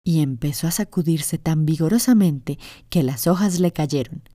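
A woman narrating a children's fairy tale in a gentle, expressive way. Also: deep voice, moderate pace, no echo, clean studio sound. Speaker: storyteller. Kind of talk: children's storytelling. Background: faint music.

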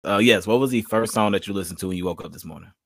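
Fast-talking slangy podcast host, man. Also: lowish voice, gravelly, no echo, studio quality, soft background music. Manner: loose, slangy and profane, rambling restarts. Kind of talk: casual interview chat.

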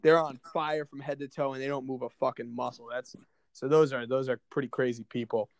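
A man's voice: medium pitch, flat delivery, brisk, gravelly, no echo. A young man co-hosting a podcast, telling a story in a loose, casual way and swearing now and then. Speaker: podcast co-host.

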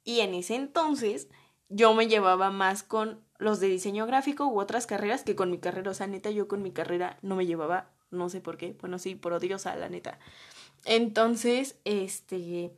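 A young woman with a Mexican Spanish accent tells a casual story about her college days, chatty and packed with slang and fillers. Her voice is medium in pitch and moves at a moderate pace.

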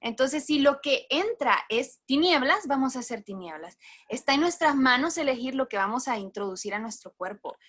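A woman's voice: sits high, animated, moderate pace, a bit bright. Woman host quoting scripture. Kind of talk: interview hosting with Bible quotes.

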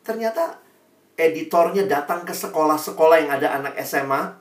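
A man giving a storytelling sermon as a youth speaker, talking straight to the audience and acting out the people he quotes in a raised voice. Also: fairly quick. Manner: animated, acts out quoted people in a higher voice; addresses the audience directly as friends. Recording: echoey room, voice from a distance.

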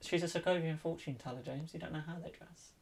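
A man, co-hosting a casual podcast chat, enthusiastic and rambling, often pausing with "um". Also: on the high side, vocal fry, a little mellow. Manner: enthusiastic, rambling, many ums. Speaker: podcast co-host. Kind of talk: casual chat about comics and TV.

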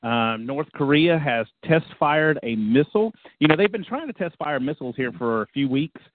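A man's voice: a little high, animated, moderate pace, no echo. A man co-hosting a casual radio show, rambling and chatty with many fillers. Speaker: co-host. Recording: dry, phone-like lo-fi sound.

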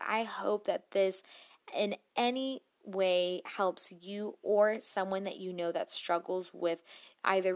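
A woman hosting a podcast, reading out self-help advice with casual, reassuring asides in a conversational way. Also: medium pitch. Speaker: podcast host.

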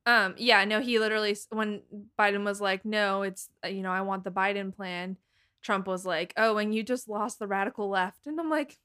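A young American woman from Massachusetts co-hosts a casual political podcast, chatting informally and saying "like" a lot. Her mid-range voice is steady, smooth, pushed and bright, at a normal speed.

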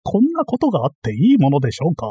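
A man's voice: fairly high pitch, huge pitch swings, rapid-fire, mellow, husky, no echo, full character voice. A man voicing a boastful, bumbling self-styled master thief in a dramatized period-novel reading, ranting and easily flustered. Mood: indignant.

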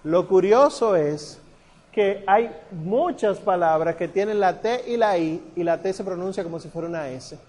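A man's voice: sits high, expressive, normal speed, a little mellow. A man teaching a class on church Latin pronunciation, patiently explaining and drawing out the prayer words. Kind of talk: classroom lesson.

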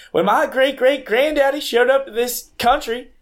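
A man's voice: extremely high pitch, measured pace, fairly bright tone. A man voicing a boastful old-time Southern plantation owner in an improvised comedy bit, with a put-on Southern accent that drifts toward a sitcom drawl. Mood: deadpan boastful. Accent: put-on Southern US, Seinfeld-like.

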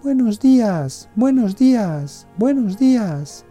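A man reading a children's story, voicing a mountain echo that repeats each phrase more and more faintly, in a high, distant, slow storybook voice. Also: big pitch swings, mellow, faint music behind, heavily acted. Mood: fading echo. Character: mountain echo repeating words, fading away. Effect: echo, each phrase repeated and fading off.

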